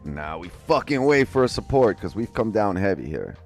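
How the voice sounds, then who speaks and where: Speaking at a normal speed in a lowish, very animated voice, this man casually walks through his trades during a live stream. He's a day trading streamer who talks to chat in a loose, chatty way, swears occasionally, and uses a headset mic, with faint music in the background.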